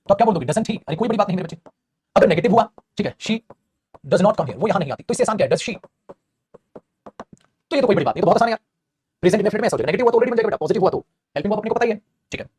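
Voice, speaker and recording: A man leads an online English grammar class at a rapid clip. His tone is energetic and chatty, and he keeps calling his students "beta". His voice is husky and a little breathy. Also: high-pitched.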